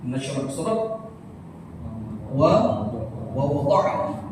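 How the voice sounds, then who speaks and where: A man with a high voice leads a slow, patient recitation lesson, chanting each word so the class can repeat it. He is recorded from far off in a large, reverberant mosque hall. Noise sits clearly behind his voice. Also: expressive. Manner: patient, demonstrates words by chanting them slowly. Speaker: Quran recitation teacher. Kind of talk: tajwid lesson in a mosque study circle.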